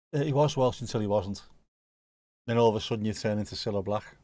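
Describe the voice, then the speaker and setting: A man with a fairly low, mellow voice speaks at a moderate pace with no room sound. He's a Scouse livestream host from around Liverpool, England, casually chatting with viewers in response to the live chat and joking or swearing from time to time.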